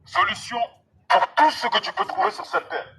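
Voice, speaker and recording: An extremely high, creaky voice with a sharp tone rings out through a megaphone as a street evangelist preaches fervently at a normal speed. Very animated, he exhorts passers-by directly with emphatic, repetitive phrases, recorded outdoors amid noisy street traffic.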